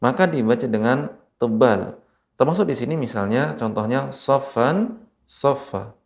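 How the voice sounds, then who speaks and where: A man from Indonesia teaching Quran recitation rules on television, speaking slowly and patiently and repeating each example word. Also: medium pitch, expressive, creaky. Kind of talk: televised tajwid lesson. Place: TV studio.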